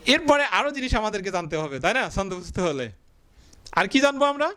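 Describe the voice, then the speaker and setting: A man's voice: sits high, sing-song, bright, forceful tone, no echo. Guy teaching grammar at the board, quizzes the class then answers himself, drags out syllables, sings up and down a lot. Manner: asks the class questions and answers them himself; stretches out syllables slowly while writing. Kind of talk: blackboard grammar lesson.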